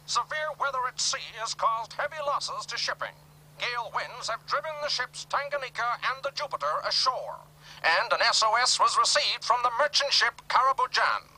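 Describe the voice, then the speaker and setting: An actor playing a radio news announcer whose special report breaks into the program, read in a measured, formal way. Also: medium pitch, expressive, pushed and bright, husky, full character voice, poor audio. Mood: grave. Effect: radio broadcast interrupting the program. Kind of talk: formal news bulletin reading.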